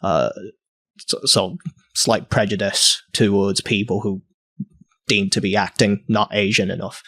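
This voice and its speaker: A young man from Hong Kong, a guest artist in a casual interview, talking haltingly with many fillers and restarts. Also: fairly low pitch, fairly even intonation, a bit bright, dry recording, studio quality.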